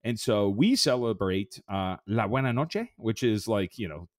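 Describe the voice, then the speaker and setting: A man's voice: lowish voice, expressive, measured pace, no room sound, clean studio sound. A man in his thirties hosting a sports betting podcast in a loose, rambling way with lots of fillers. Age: 30s. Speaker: podcast host. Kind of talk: casual chat.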